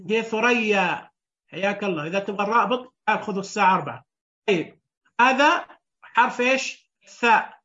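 A woman's voice: medium pitch, lively intonation, fairly quick, fairly bright tone, dull audio. A woman teaching Braille in an online class. She explains step by step, counts the dots aloud and keeps checking that her students are following. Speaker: Braille instructor.

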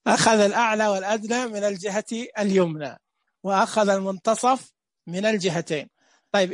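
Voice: medium pitch, no room sound, clean studio sound. A Braille teacher gives a casual live online lesson, joking with viewers and repeating dot counts.

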